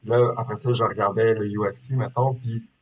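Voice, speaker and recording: His fairly low, slightly mellow voice holds a steady tone and moves briskly, though the high frequencies are cut off. He's a man in his thirties from Quebec, Canada, a sport shooter speaking casually as an interview guest in a Québécois French accent, hesitating with plenty of fillers and restarts.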